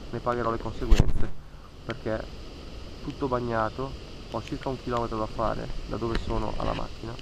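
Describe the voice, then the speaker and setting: Creaky and mid-pitched, a thirtysomething man narrates his fishing vlog with background noise behind him. The reflective voice-over comes from a lakeside spot among trees, delivered in an earnest, cautionary way that repeats words for emphasis.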